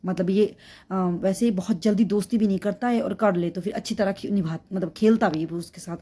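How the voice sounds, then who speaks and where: A woman's voice: mid-range voice, a little fast, warm tone. A woman chatting casually in a home cooking vlog, rambling with many fillers and restarts, recorded on a phone in her kitchen. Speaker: vlogger.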